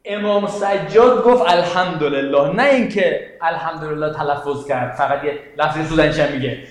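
Male teacher, high-ish voice, lecturing religious texts in a very echoey classroom. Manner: explanatory, quotes Arabic verses, asks students questions. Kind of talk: Quranic exegesis class.

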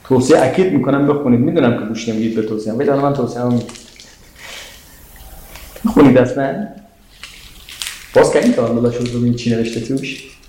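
A man giving a religious lecture to an audience, animated, putting questions to the listeners and quoting scripture. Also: medium pitch, long pauses, slight background noise. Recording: very echoey hall.

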